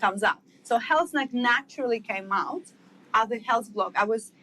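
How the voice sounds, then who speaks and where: A woman's voice: fairly high pitch, normal speed, bright, forceful tone, low-quality recording. A woman from Estonia, a guest telling her story eagerly in a casual interview, with many fillers. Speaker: guest, wellness entrepreneur.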